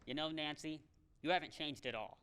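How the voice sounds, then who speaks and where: An earnest, stubborn cop who dozes on the job, played by an actor, pleading a case with plaintive persistence. The voice is smooth and resonant at a middle pitch. A long theatre reverb hangs behind it. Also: fairly quick, a bit bright, natural voice. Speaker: stage actor. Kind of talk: live stage comedy acting.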